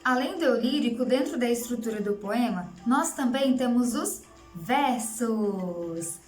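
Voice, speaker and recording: A woman's voice: a little high, lively intonation, measured pace, darkish tone. A young woman teacher giving an online writing lesson, explaining patiently step by step and often checking in with her students. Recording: echoey room with faint music.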